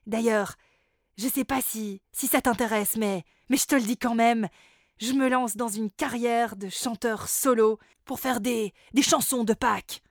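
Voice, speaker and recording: A preening male elf pop star from a children's storybook, put on by a woman, who can't stop admiring himself. He talks in a showy, pompous way, in a fairly high, bright voice that often swells loud. The sound is dry and close. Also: steady tone, measured pace, dry recording. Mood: showing off. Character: vain, boastful male elf boy-band singer. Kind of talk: storybook character voice.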